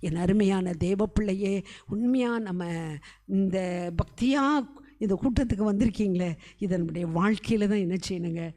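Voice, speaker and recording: A woman's voice: medium pitch, moderate pace, mellow. Woman prayer leader, fervent pleading prayer, repetitive calls to God. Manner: fervent, pleading, repeats phrases to the crowd; often calls out to God between phrases. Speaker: prayer leader at a revival meeting. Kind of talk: leading a congregation in spoken prayer.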